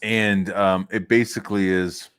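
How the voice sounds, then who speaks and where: A man's voice: low voice, little pitch movement, unhurried, a bit bright, clear, resonant tone, dry recording. A man hosting a podcast, chatting casually and crudely, rambling and acting out quotes. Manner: crude, rambling, acts out quotes in exaggerated voices. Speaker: podcast host. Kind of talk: casual comedic chat.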